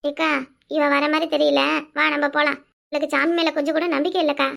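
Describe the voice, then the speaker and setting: Woman doing a shrill bossy village woman. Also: level tone, quick pace, vocal fry, a bit bright, heavily acted. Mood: scolding. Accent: Kanyakumari Tamil. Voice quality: shrill, scolding. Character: bossy devout village woman, quick-tempered. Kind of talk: village cartoon comedy.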